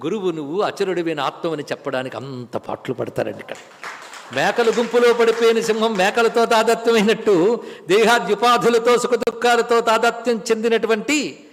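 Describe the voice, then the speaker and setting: A man giving a Bhagavad Gita discourse who explains patiently, chants verses slowly and acts out little dialogues. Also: sits high, big-room sound, a little hiss or hum. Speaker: spiritual discourse speaker.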